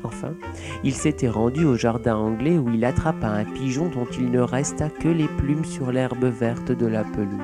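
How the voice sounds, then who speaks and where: A man narrating a children's storybook with a lively, expressive reading. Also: medium pitch, normal speed, loud music behind the voice.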